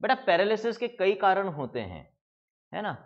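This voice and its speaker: A man's voice: high voice, big pitch swings, moderate pace, lo-fi sound. A man with an Indian accent giving an exam-prep biology lecture. He explains each step, puts questions to the class and answers them himself, and mixes English terms into his talk. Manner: mixes English terms into Hindi speech, calls students kids. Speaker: biology teacher.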